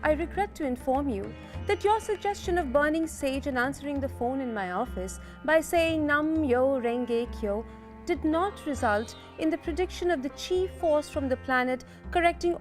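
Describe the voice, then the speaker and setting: A woman's voice: high-pitched, animated, normal speed, faint music behind. A woman playing a smug serene spiritual guide. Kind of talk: sketch comedy.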